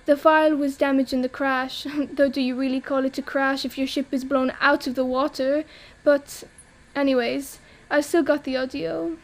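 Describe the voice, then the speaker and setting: A young woman from France, cast as an exile interviewed about a disaster, delivers an acted monologue for an audio drama, laughing wryly at herself. She speaks high and fairly evenly at a moderate pace, with few pauses. A faint hiss or hum sits under the recording.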